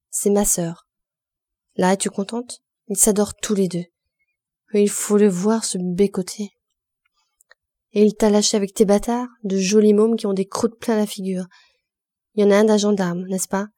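A woman voicing a spiteful young laundress who taunts loudly in a quick, mocking way. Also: medium pitch, flat delivery, dry recording, clean studio sound, natural voice.

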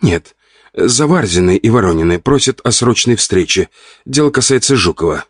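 A man voicing an indignant, sharp-tongued middle-aged countess in an audiobook. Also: fairly low pitch, lively intonation, slightly rough, dry recording, clean studio sound, pitched above the performer's own voice. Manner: indignant, quick to retort.

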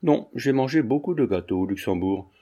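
A man's voice: medium pitch, lively intonation, normal speed, dark tone, dull audio, natural voice. A man doing a blunt, fearless little boy. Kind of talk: audiobook character reading.

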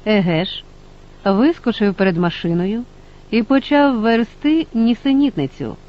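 A man's voice: high-pitched, lively intonation, a little slow, highs cut off. A man voicing a curious, talkative father. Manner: inquisitive.

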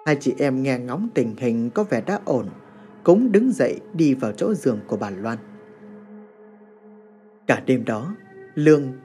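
A man narrating a horror story in a dramatic, expressive way. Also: medium pitch.

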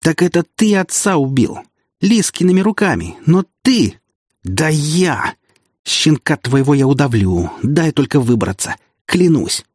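A male audiobook reader voicing a wounded, furious middle-aged prince who shouts in rage. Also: fairly low pitch, animated, moderate pace, breathy edge, no echo, studio quality. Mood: enraged. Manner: shouting, enraged. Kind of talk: audiobook character voice.

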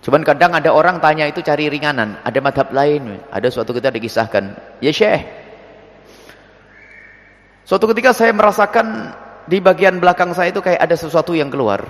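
A man's voice: a little fast, long pauses. A man preaching and answering religious questions before a congregation, acting out little scenes as he explains. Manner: lively, acts out scenes with swooping pitch. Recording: long hall reverb.

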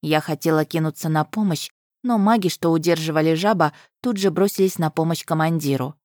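A woman narrating a first-person fantasy audiobook in an even storytelling tone, close to the mic. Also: low-pitched, brisk, no echo. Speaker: audiobook reader.

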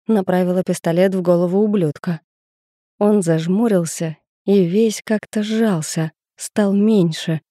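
A woman narrating a first-person audiobook in a steady, intimate storytelling manner on a close studio mic. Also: on the low side, dry recording.

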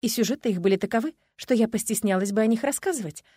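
Expressive woman narrating a fantasy romance. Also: fairly high pitch, fast talker, slightly rough, no room sound, studio quality. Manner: expressive storytelling. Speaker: audiobook narrator.

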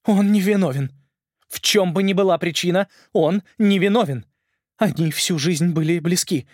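A male reader voicing a proud, fierce female spider queen with a sharp, commanding manner. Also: on the high side, normal speed, no room sound, studio quality, pitched above the performer's own voice, lightly acted.

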